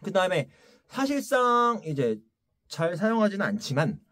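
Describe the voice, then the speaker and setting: A man teaching a Korean wind instrument in a practice room, repeating key words and breaking into loud demonstration shouts. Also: high-pitched, very animated, moderate pace, no room sound, clean studio sound. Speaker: taepyeongso teacher. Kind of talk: instructional video lesson.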